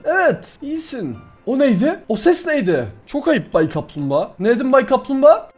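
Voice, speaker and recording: A man's voice: very high-pitched, big pitch swings, moderate pace, breathy edge, soft background music. A man giving playful, theatrical commentary on his own game, addressing viewers and in-game animals in a mock-dramatic tone. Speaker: gaming YouTuber. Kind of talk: playful Minecraft let's-play commentary.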